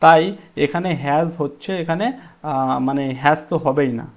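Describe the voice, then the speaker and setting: A man's voice: on the high side, fairly even intonation, normal speed, lo-fi sound. A man teaching an exam-prep English grammar lesson, explaining step by step and asking his students questions.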